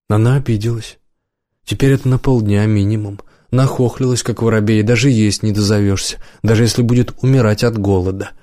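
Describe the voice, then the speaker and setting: A man narrating an audiobook in a measured storytelling manner on a close studio mic. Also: lowish voice, warm tone, no echo. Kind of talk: scripted narration.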